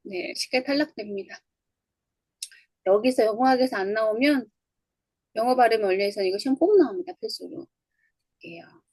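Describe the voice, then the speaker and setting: A woman's voice: on the high side, a little fast, long pauses, darkish tone, no echo, rough recording. A woman teaching an English phonology lesson, explaining step by step and repeating example words for her student to drill. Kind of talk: online lecture on English phonology.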